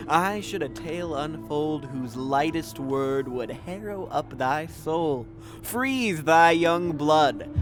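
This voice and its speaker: Man playing slow, solemn ghost of Hamlet's father. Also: fairly high pitch. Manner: slow, grave, declamatory, with drawn-out words. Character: solemn, tormented male ghost of a murdered king. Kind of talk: Shakespearean audio drama acting. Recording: music under the voice. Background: music.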